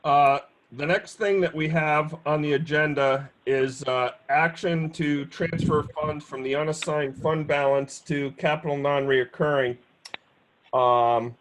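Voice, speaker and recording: A man's voice: fairly high pitch, rough recording. Man chairing a town finance meeting. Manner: measured, steady with frequent fillers. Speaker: board chairman. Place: home on a video call. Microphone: computer mic on a video call.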